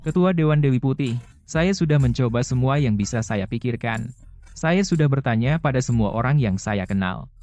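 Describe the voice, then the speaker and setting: A man's voice: medium pitch, expressive, normal speed, darkish tone, lightly acted. Man playing a devoted young CEO. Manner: earnest, pleading. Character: devoted young male CEO, desperate for his love. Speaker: company heir. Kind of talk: dubbed TV drama.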